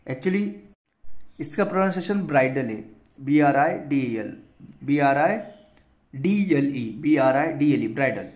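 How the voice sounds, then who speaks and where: Echoey, higher-voiced Indian vocab teacher. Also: male voice, a little mellow. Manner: spells words letter by letter, explains in Hindi. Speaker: vocabulary teacher for exam prep. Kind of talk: casual spoken lesson.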